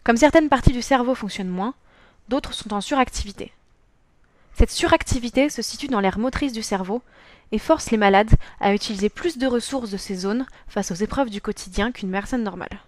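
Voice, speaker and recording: A woman's voice: fairly high pitch, a little fast. A teenage girl from France narrating a scripted school presentation, reading a prepared text carefully and evenly. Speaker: student presenter.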